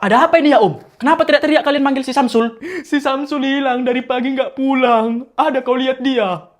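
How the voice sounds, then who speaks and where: A woman playing every part in a comedy sketch, switching quickly between character voices. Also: high-pitched, steady tone.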